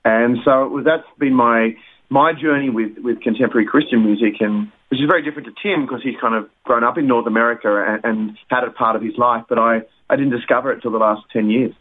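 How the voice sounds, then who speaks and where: A man's voice: medium pitch, fast talker. A man from Australia, a singer and songwriter, telling his story in a hesitant, reflective way as an interview guest. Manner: hesitant, many fillers and restarts, reflective. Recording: phone-line sound.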